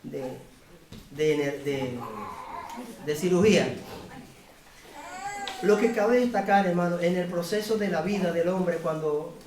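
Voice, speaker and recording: A man's voice: high-pitched, a little slow, long pauses, a little mellow. A man giving an earnest, fervent testimony to a church congregation. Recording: echoey hall, voice from far off the mic.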